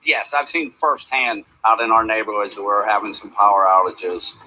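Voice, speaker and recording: A man's voice: fairly low pitch, steady tone, moderate pace, sharp tone. A middle-aged man, a police chief, answering questions in an on-scene interview in a noisy outdoor broadcast.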